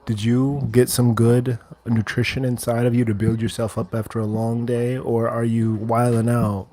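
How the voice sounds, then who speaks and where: A man hosts a relaxed livestream from a kitchen while he cooks. His voice sits in a middle register, and he talks in an easygoing way as he reads viewer comments aloud and answers them one by one. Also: medium pitch, normal speed. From Wheaton, Illinois, USA. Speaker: livestream host. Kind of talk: casual livestream chat while cooking. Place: kitchen, indoors.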